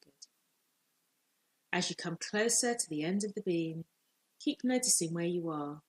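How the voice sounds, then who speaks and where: Husky woman guiding a slow meditation. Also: on the low side, lively intonation, rough recording. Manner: slow, soothing, measured instructions with long pauses. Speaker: life coach. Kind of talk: guided visualisation meditation.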